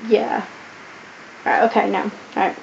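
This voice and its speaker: Answering viewer questions in a casual Q&A, this tired young woman fakes a posh British accent and rambles chattily, stumbling over ums and restarts. Her croaky voice sits mid-range with fairly even intonation, a slow pace and a darkish tone. The echoey room gives dull, lo-fi sound with a faint hiss.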